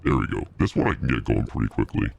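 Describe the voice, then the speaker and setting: A gravelly deep evil villain. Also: male voice, animated, a little mellow, no echo, exaggerated voice. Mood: menacing. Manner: slow, low evil-voice growl.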